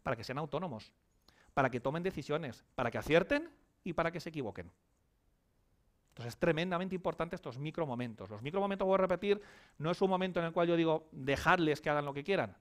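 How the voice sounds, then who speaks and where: A man's voice: fairly high pitch, animated, fast talker. A man giving a conference lecture as a psychologist, emphatic, asking and answering his own questions. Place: conference hall.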